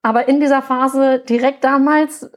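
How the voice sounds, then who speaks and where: A woman with a fairly high voice hosts a podcast interview. She listens attentively, backs her guest with short affirmations, and asks open questions. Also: steady tone, normal speed. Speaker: podcast host. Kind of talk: interview host.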